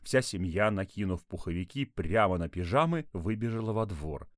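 A man narrating a playful children's tale in an expressive way. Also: deep voice, normal speed, no room sound, clean studio sound. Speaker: storyteller.

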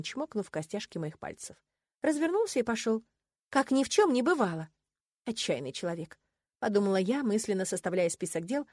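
A woman reading a first-person fantasy audiobook with wry irony and expressive turns, at a middle pitch. Her voice is recorded close and dry, with no room echo at all. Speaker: audiobook narrator.

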